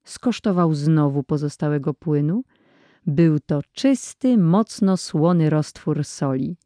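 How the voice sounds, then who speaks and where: A narrator reading an adventure story aloud in a measured, even audiobook style. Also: medium pitch, dry recording, studio quality.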